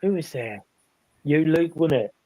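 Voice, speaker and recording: A man's voice: on the high side, expressive, measured pace, darkish tone, dry recording, poor audio. A man on a paranormal panel, rambling through an investigation story in casual chat with many restarts and asides.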